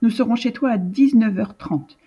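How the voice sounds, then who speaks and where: A woman's voice: fairly high pitch, moderate pace, mellow, breathy edge, highs cut off. Woman doing a curt, dry minister. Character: stiff, curt middle-aged male minister.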